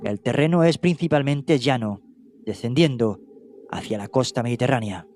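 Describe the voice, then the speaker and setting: A man's voice: mid-range voice, normal speed, noisy background. A man narrating a true-crime case in documentary style, reading steadily with small hesitations and self-corrections. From Spain, not Catalonia. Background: music.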